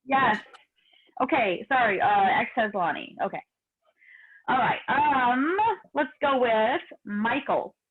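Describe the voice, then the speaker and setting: A woman contestant on a video-call game show, giggly and hesitant, with a husky voice. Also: a little high, slow pace. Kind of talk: casual game chat over a video call. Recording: dull lo-fi video call audio.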